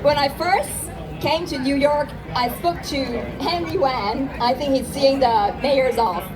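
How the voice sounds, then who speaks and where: A woman's voice: high-pitched, a little slow. A woman from Hong Kong giving a formal, upbeat welcome speech outdoors at a festival on a microphone. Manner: formal, upbeat, addressing a crowd. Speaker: festival speaker and trade office director. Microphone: handheld microphone over a PA. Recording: outdoor crowd noise around speaker. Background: crowd noise.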